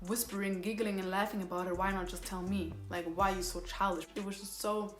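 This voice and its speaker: This young woman, a vlogger whose first language is Somali, speaks a little fast at a medium pitch with fairly even intonation. She rambles through an exasperated storytime, correcting herself as she goes, in a roomy-sounding recording with faint background music.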